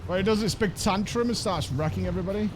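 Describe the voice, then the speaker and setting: A man's voice: high-pitched, fast talker, over music. A man giving casual, informal and sweary commentary while he plays a video game. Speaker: gamer narrating his playthrough.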